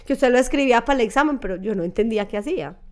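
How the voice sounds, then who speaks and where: A woman's voice: fairly high pitch, very fast. A young woman with a Medellín accent, a guest in a casual interview, telling stories animatedly and acting out what people said. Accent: Colombian, Medellín. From Colombia. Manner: animated, acts out quoted voices. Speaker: guest, assistant director.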